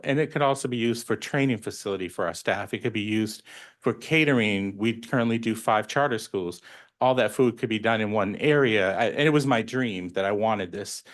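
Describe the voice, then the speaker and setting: Man, school nutrition director, lowish voice, plain and explanatory, answers a board's questions, lots of ums. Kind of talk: explaining at a public board meeting.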